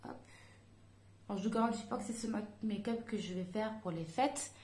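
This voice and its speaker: A woman talks her viewers through her makeup in a loose, chatty way, hesitating often and filling pauses. Her voice sits at a middle pitch. The recording has a noticeable room echo. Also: darkish tone. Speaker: beauty vlogger. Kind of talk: casual makeup tutorial chat. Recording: echoey room.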